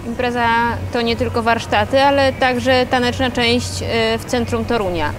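A woman TV interviewer asking brisk, short questions. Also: fairly high pitch, fairly even intonation, over music.

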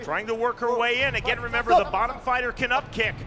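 A man giving live play-by-play fight commentary in crisp, clipped phrases. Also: extremely high pitch, fairly even intonation, quick pace, crowd noise.

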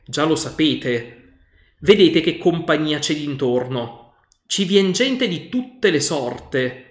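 A fearful, fussy old village priest scolds in a higher, anxious voice, as a man reading aloud puts him on. He speaks slowly and fretfully. The sound is roomy and echoing. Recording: roomy echo.

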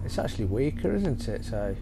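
With big pitch swings and a gravelly, fairly quick delivery, a man offers a loose running commentary as he plays. His medium-pitched voice-over sits on gameplay capture, with loud game music and a noisy background.

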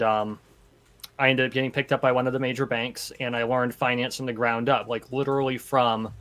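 A man in his thirties from Vermont, a guest explaining his background in a measured, articulate way over a video call from a home office. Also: mid-range voice, a bit bright. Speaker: guest, political candidate. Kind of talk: conversational interview. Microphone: headset on a video call.

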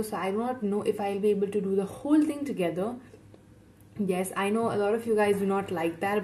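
A woman's voice: mid-range voice, mellow. A young Indian woman in her twenties with an Indian accent, chatting casually and giggling to her webcam in her bedroom. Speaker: reaction YouTuber. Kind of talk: casual chat to camera. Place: bedroom, indoors. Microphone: webcam at desk distance. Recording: slightly distant mic, faint room noise.

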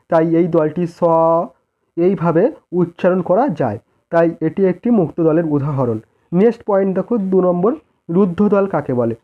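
A man's voice: a little high, muffled recording. Man teaching. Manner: dictates model answers, mixes in English words. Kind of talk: exam-prep lesson.

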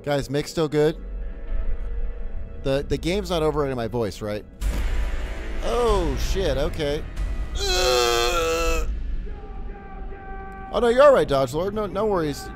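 Male game streamer, higher voice, rowdy and profane, with game music behind. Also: moderate pace, pauses often. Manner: excitable, swears freely, yells at the game, calls viewers son and dude. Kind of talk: live gameplay commentary. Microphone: desk microphone. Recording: game music playing under the voice.

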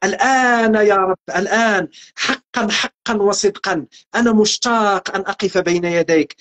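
A man with a Moroccan accent speaks as a religious guest, delivering a spiritual teaching talk at a normal speed in a high-pitched, fairly bright voice. He is earnest and emphatic, preaching with repeated phrases as he builds each point.

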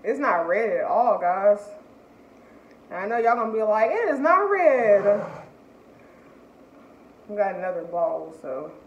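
Speaking at a moderate pace in a mid-range voice, a woman runs a casual food challenge vlog and chats with viewers, tearing up from the spice. Faint noise sits under a roomy, somewhat dull recording.

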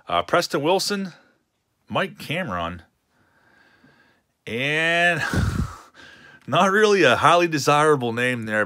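A man's voice: on the low side, bright, forceful tone. A man, casually chatting with a live-stream chat while opening card packs at a home desk. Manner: chatty, reads chat messages aloud with laughs.

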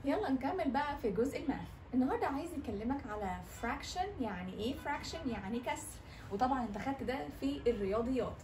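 A woman's voice: on the high side, echoey room, distant mic, noisy background. A woman teacher with an Egyptian Arabic accent explaining English vocabulary and sounds, repeating each word several times. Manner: repetitive drilling of words.

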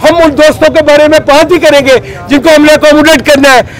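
A middle-aged Pakistani man, a leader among market traders, pleads in an agitated street interview, gesturing hard as he speaks into a handheld reporter mic on a busy city street. His voice is very high with fairly even intonation and a brisk pace, and the recording quality is low.

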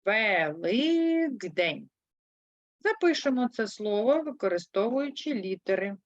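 A woman's voice: medium pitch, big pitch swings, takes it slowly, no room sound. A woman teaching a third-grade language lesson, explaining patiently and spelling words out syllable by syllable. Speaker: primary school teacher. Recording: dull, lo-fi dry sound.

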